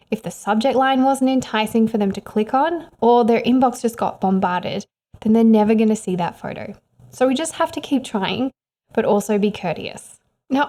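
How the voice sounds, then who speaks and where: A woman's voice: on the high side, a little mellow. A woman, a freelance photographer, speaking to camera and giving candid, encouraging career advice in a conversational way. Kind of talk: direct-to-camera advice vlog.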